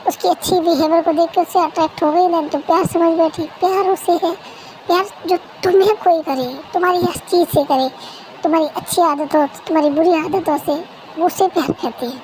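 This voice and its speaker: Someone voicing a patient, caring young husband in a fan-made audio drama, soft and reassuring. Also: extremely high pitch, fairly even intonation, brisk, a little hiss or hum, poor audio. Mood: explaining.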